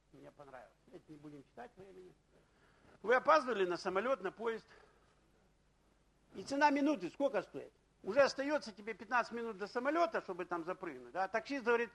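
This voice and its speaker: A middle-aged man, a pastor, preaching in a loose conversational way, telling personal stories and checking in with the congregation with quick questions. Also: high-pitched, vocal fry, a bit bright, husky, poor audio. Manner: anecdotal, keeps asking the congregation "right?". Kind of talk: conversational sermon.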